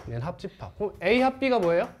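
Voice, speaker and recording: A math teacher lectures his class in a fairly high voice that leaps up and down as he throws out questions and answers them himself. His style is brisk, chatty and very animated, and a little hiss or hum sits under the recording.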